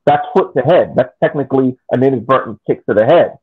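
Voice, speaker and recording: Co-hosting a soccer podcast over a video call, a man debates casually and argumentatively, tossing out hypothetical questions. His voice is medium-pitched, animated, fast and husky, and the call audio comes through thin and phone-like.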